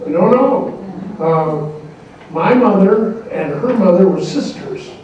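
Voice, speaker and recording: A man speaking as a cousin at a memorial, slow and chatty, teasing the audience. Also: high-pitched, animated, darkish tone, a little hiss or hum. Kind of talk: memorial tribute speech. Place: large echoing hall. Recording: echoey lo-fi hall recording from far off.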